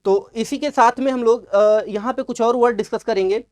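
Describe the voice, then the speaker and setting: A man's voice: very high-pitched, steady tone. Male teacher lecturing, quizzing himself. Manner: asks a question, then answers it himself; repeats key words with drawn-out emphasis. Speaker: English teacher. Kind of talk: exam-prep classroom lecture.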